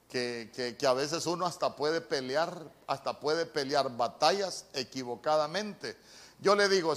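A man's voice: medium pitch, a bit bright. A middle-aged man with a Honduran accent preaching a sermon, telling a personal story earnestly and often stumbling and repeating words. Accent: Honduran Spanish. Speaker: pastor.

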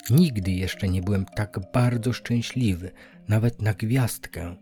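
An earnest, cheerful boy from a comfortable home, as a male narrator voices him, pitched a little higher than the reader's own low voice. It is a gentle storybook turn rather than a full character voice. Faint music plays behind it. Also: unhurried, close to an everyday voice. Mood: happy. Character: well-off young boy, happy and earnest.

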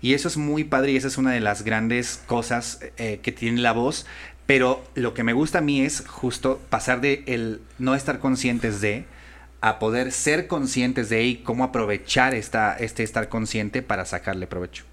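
A man's voice: medium pitch, normal speed, a bit bright. A man, a voice-over artist and voice coach, chatting thoughtfully and restarting often as he searches for words. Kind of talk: casual conversation.

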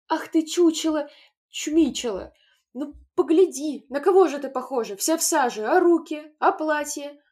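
A woman voicing a hot-tempered but kind village mother in a storybook reading, with loud outcries and a husky voice. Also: on the high side, expressive, moderate pace. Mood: scolding.

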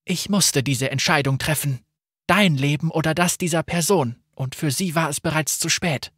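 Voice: mid-range voice, normal speed, fairly bright tone, slightly rough, dry recording. A hardened young woman fighter, blunt and commanding, as the narrator puts her on. Her lines are clipped, firm and impatient, sitting a step above the narrating voice. The recording is close and dry. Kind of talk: audiobook character voice.

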